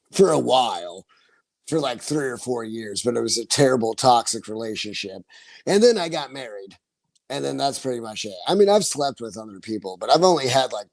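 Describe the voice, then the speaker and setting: A man's voice: mid-range voice, vocal fry, dry recording. A man in his forties chatting casually on his livestream, rambling, laughing often and swearing freely. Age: 40s. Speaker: livestream host.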